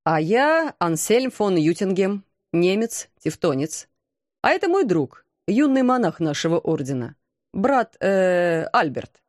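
A hospitable knight commander, read by a woman narrator almost in her own voice. Plain, friendly and welcoming, in a warm, mellow tone with a lively lilt. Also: fairly low pitch, measured pace, no echo, studio quality.

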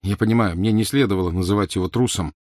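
A man's voice: on the low side, fast, a little mellow, dry recording, studio quality, natural voice. A man voicing a defiant, angry teenage boy in a storybook reading, curt and raised. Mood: pleading.

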